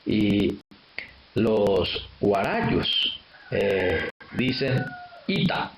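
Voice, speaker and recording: Slow Paraguayan man lecturing, echoey room. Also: medium pitch, animated, noisy background. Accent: Paraguayan Spanish. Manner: hesitant and explanatory, with frequent filler sounds. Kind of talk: lecture on language history.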